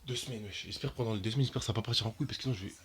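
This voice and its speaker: An anime reaction YouTuber, a young man, fires off rapid, slangy, excitable commentary to his viewers. When something shocks him, his voice jumps high and loud.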